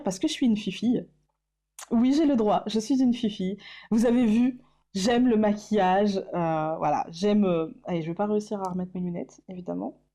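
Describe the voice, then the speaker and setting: Mellow-voiced woman chatting hesitantly. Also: medium pitch. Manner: hesitant, many fillers and restarts; laughs often at herself. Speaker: YouTuber. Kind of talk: casual vlog chat.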